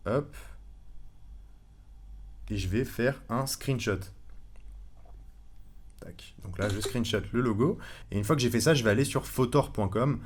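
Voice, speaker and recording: A man giving a casual screen-recorded tutorial, chatty and relaxed, with many fillers and self-corrections. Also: mid-range voice, measured pace, pauses often, a little hiss or hum. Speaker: online course instructor.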